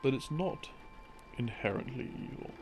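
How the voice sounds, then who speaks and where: Here the man speaks in a mid-range voice at normal speed, his intonation lively. He's an audio creator acting as a boyfriend, rambling intimately and casually about game lore with wry, hesitant asides, while soft game theme music plays.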